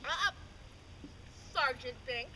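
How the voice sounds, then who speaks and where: A woman's voice: high voice, takes it slowly, sharp tone, full character voice. A woman playing a boastful, bumbling, self-important sergeant in comic renaissance faire stage acting, cocky and blustering. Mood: smug. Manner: cocky, blustering, hesitant when challenged. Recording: outdoor live recording, clear ambient noise.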